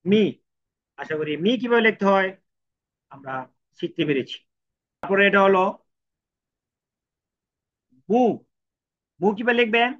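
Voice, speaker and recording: A man's voice: high voice, animated, moderate pace, pauses often, a bit bright. A man teaching how to write Japanese characters, repeating each stroke step by step. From Bangladesh. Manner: repetitive, counts out each stroke. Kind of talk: step-by-step writing lesson. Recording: dull lo-fi recording.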